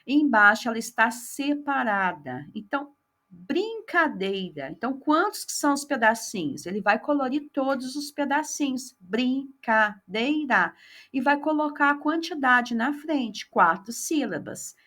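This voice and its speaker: A woman's voice: high voice, lively intonation, moderate pace, a bit bright. A Brazilian woman teacher patiently explaining a classroom activity, repeating key words often. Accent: Brazilian Portuguese. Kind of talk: instructional explanation.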